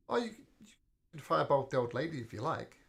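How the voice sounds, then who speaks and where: A woman's voice: deep voice, sing-song, a little fast, creaky. A woman acting as game master, narrating a tabletop role-playing game and talking with the players.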